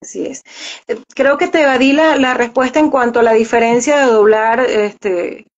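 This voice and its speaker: A woman's voice: on the high side, steady tone, moderate pace. A woman, a voice actress, talking casually in an interview, explaining at length and often repeating words as she searches for them. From Venezuela. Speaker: voice actress and journalist, guest. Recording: dull lo-fi audio.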